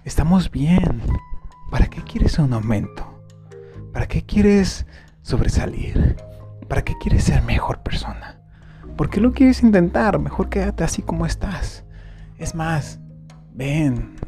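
A man voicing a tempting inner voice of doubt that coaxes in a soft near-whisper. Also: fairly high pitch, animated, slow pace, long pauses, faint music behind, voice pushed up. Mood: coaxing, hushed. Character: hushed tempting inner voice, sexless, coaxing doubter.

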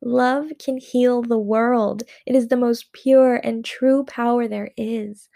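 A woman narrating a personal story in the first person, in a gentle, unhurried way. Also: mid-range voice, creaky, dry recording, studio quality.

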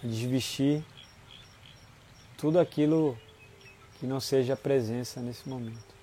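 A man with a Brazilian Portuguese accent leads a guided relaxation in a soothing, unhurried manner, leaving long pauses between short phrases. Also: mid-range voice, warm tone, slight background noise. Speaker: guided meditation instructor. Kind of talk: guided body-scan relaxation.

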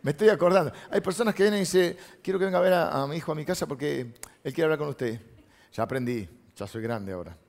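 A man's voice: a little high, quick pace, vocal fry, a little mellow. A middle-aged man, a pastor giving a conversational sermon, reading scripture aloud and making asides to the congregation.

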